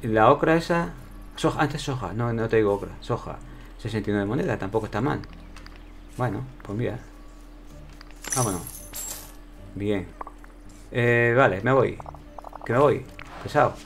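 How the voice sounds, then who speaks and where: A man's voice: medium pitch, moderate pace, creaky, long pauses, a little hiss or hum. A man with a Spain Spanish accent chatting casually to himself and his viewers while playing a video game. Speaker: gameplay commentator. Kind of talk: casual gameplay commentary.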